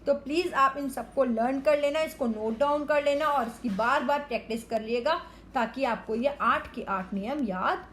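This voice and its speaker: A woman explains Hindi grammar to children one word at a time, carefully and slowly, using some English along the way. She sounds high-pitched and fairly bright, with slight background noise.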